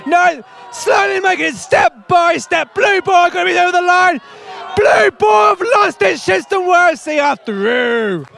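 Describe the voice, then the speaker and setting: A man giving excited, shouted play-by-play commentary on a tug of war at an outdoor village fair. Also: very high voice, a little slow, gravelly, a faint crowd. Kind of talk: live sports-style commentary.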